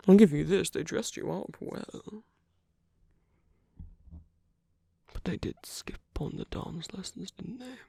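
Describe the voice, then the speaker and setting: A man voices a suave, teasing villain at a royal masquerade in an intimate ASMR roleplay, his soft, breathy voice sitting on the high side. He is sly and flirtatious, murmuring slowly and often slipping into whispers. The studio-quality recording has no echo, and he commits fully to the character voice.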